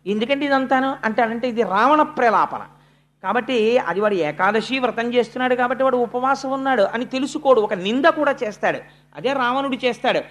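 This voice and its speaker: An expressive speaker gives a devotional discourse, retelling a sacred story for listeners. The delivery slows for weighty points and speeds up in the narration. Verses are chanted in a measured cadence. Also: mid-range voice. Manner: expressive, shifting between slow emphasis and quick narration, chanting verse.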